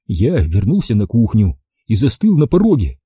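A man narrating an audiobook with lively, expressive storytelling. His voice is deep-toned and mellow with a husky grain, and his pitch moves a lot. The recording is close and dry. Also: normal speed, dry recording.

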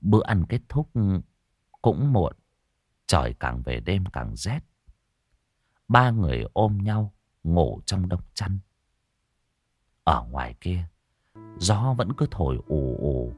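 Brief: man telling a story, lively pitch, dry close sound, soft music behind. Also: slightly rough, dry recording. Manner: expressive, slow dramatic delivery. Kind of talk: scripted storytelling narration.

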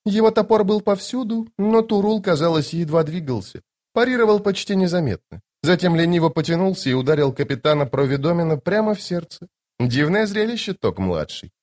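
A haughty sorceress with a voice pitched well up and swinging lively, coquettish and mocking, as a male audiobook reader puts her on. She toys with her listener and gives orders with easy, imperious confidence in this fantasy audiobook. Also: brisk. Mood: playful. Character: haughty, teasing sorceress woman, playful and imperious. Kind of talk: audiobook character voice.

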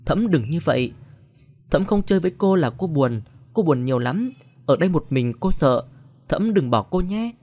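A man's voice: fairly high pitch, animated, moderate pace, darkish tone, no echo. A man voicing a childish, clinging young female ghost who whines and pleads. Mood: tearful pleading.

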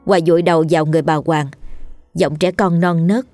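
Woman telling a ghost story, low voice. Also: steady tone, brisk, darkish tone. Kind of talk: scripted ghost story narration. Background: faint music.

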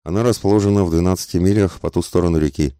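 A man's voice: low voice, racing, warm tone, no room sound, clean studio sound, pitched above the performer's own voice, lightly acted. A man voicing a cautious, matter-of-fact train conductor in an audiobook. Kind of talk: audiobook character voice.

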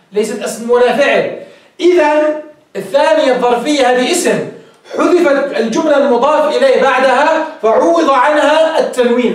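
A man teaching a grammar class, explaining step by step and quizzing his students with questions as he goes. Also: very high voice. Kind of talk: classroom lecture. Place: classroom with a board. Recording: very echoey room, mic far off.

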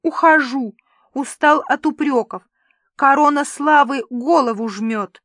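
A woman's voice: high-pitched, lively intonation, a little slow, fairly bright tone, dry recording, clean studio sound, voice pushed up. A woman voicing a capricious, pampered male TV star who whines and complains fussily. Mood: whiny petulant. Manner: whiny, fussy, theatrical complaining.

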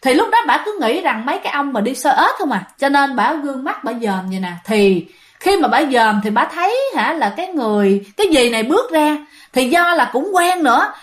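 A woman with a slightly high voice tells a ghost story in a loose, conversational way. She talks straight to her listeners and briefly voices the people in the story as she goes. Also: very animated, fairly quick. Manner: chatty, addresses listeners directly, acts out quoted speech. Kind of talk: casual ghost story telling.

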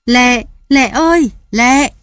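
A woman's voice: medium pitch, expressive, measured pace, dry recording, studio quality. A woman reading a story aloud, voicing a desperate grieving man who wails and curses bitterly. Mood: anguished wailing. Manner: wailing, then scornful cursing.

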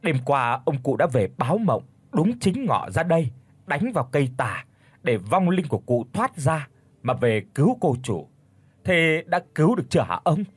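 A man voicing a crafty young servant who shouts curses and then tells a made-up tale. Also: fairly high pitch, very animated, moderate pace, husky, no echo. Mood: scheming.

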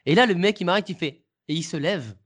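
A man's voice: high voice, brisk, fairly bright tone. A man, a comedian guest, casually telling an anecdote in an interview, hesitant and full of restarts. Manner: hesitant, many restarts and fillers.

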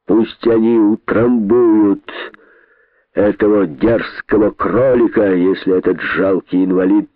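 A man voicing a scornful, menacing old python king who talks slowly and hisses his threats. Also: deep voice, no echo. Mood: commanding. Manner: slow, hissing, threatening. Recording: dry tinny phone-like sound.

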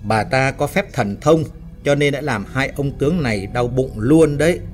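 A man's voice: mid-range voice, moderate pace, faint music behind, close to an everyday voice. A man voicing a superstitious young man who earnestly explains ghost lore.

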